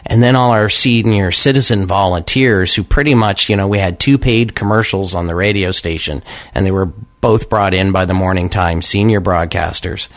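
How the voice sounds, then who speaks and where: Man, low voice, dry close sound, casual radio guest, animated storyteller. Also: moderate pace, no echo. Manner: animated storyteller, laughs often.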